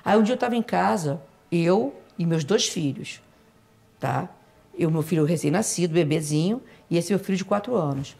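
Woman guest telling her own story, somewhat low-pitched, emotional, stops and repeats herself. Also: animated, vocal fry, warm tone, husky. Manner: emotional, halting, repeats phrases. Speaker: interview guest. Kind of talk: personal storytelling in an interview.

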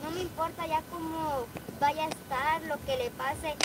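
A young woman with a very high, piping voice, talking in a firm and exasperated scolding tone. The clip is a casual vlog recorded with loud background noise all around her. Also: steady tone, a little slow. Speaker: vlogger.

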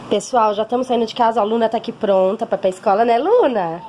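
Brief: woman, vlogging mother, slightly high voice, chatty and emotional, phone audio with clear background noise. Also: lively intonation, fast, warm tone. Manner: chatty, emotional, often asks for agreement. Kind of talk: casual vlog chat to viewers. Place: home, then walking outdoors on a street.

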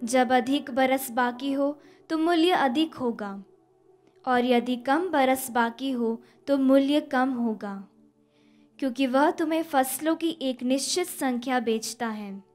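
Young woman, 20s, lectern reader, bright high voice, slow measured delivery, stand mic. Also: soft background music. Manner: even, deliberate recitation of scripture and psalm. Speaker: scripture reader at Mass. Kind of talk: slow, measured liturgical reading. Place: indoor studio chapel.

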